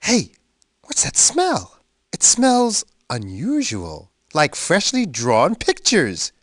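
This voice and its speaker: A man voicing a big, friendly, gentle bear in a children's game, full of curiosity and childlike wonder, with an expressive sing-song way of talking to young kids. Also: a little high, slow, no room sound, studio quality, heavily acted. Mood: curious, wondering. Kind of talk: children's edutainment game voice lines.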